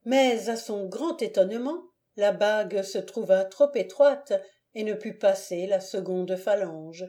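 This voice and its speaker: Slow, mellow woman narrator. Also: medium pitch. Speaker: audiobook narrator. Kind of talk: scripted narration of a classic novel.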